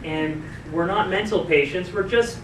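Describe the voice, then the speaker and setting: A man's voice: high-pitched, moderate pace, fairly bright tone. A male actor playing an earnest, reassuring therapist in a comedy series, hesitant and repeating himself. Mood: earnest, probing. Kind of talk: live-action comedy series dialogue. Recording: roomy, noisy, distant location sound.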